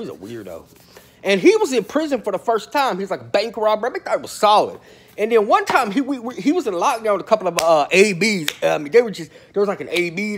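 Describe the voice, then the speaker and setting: Animated husky man, telling funny prison stories in slang, big swings in pitch. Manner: animated, swings loud and soft, slangy with constant "bro". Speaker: storyteller about prison life. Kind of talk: comedic storytelling monologue.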